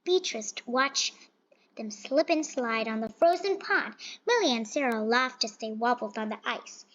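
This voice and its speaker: High-pitched woman reading a picture book, muffled. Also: unhurried, fairly bright tone. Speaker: storybook reader. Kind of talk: children's picture book read-aloud. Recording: dull, lo-fi sound.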